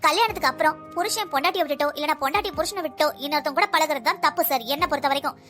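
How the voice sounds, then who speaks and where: A high, bright cartoon voice for a woman playing a sharp-tongued policewoman who argues fast and hard. The words tumble out with a tense, cutting edge. Soft music sits underneath. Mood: arguing. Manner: argumentative, indignant. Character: sharp-tongued young policewoman, later an angry mother-in-law. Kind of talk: cartoon dubbing.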